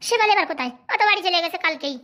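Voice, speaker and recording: A woman voicing a sharp-tongued middle-aged housewife in a comedy cartoon, scolding with quick retorts. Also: very high voice, expressive, full character voice. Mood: bickering.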